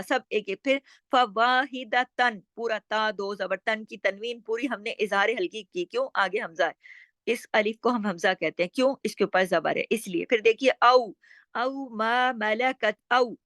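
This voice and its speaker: A woman teaching Quran recitation step by step, explaining rules slowly and chanting words drawn out. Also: mid-range voice, a bit bright, no room sound, clean studio sound.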